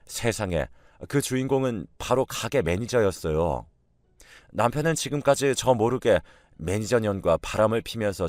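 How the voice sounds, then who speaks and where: A man reading a first-person story script aloud, in a calm, steady storytelling manner. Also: lowish voice, dry recording, studio quality.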